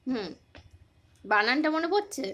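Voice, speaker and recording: A woman's voice: sits high, sing-song, unhurried, bright, forceful tone. A woman teaching a casual phonics lesson, patiently quizzing her pupil with repeated questions.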